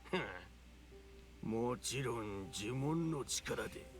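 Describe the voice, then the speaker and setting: Slow, menacing theatrical fox-spirit villain. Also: male voice, mid-range voice, expressive, faint music behind. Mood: gloating menace. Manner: slow theatrical villain menace, old-fashioned elderly speech. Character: ancient male fox spirit, theatrical, sly, gloating. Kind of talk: video game voice acting.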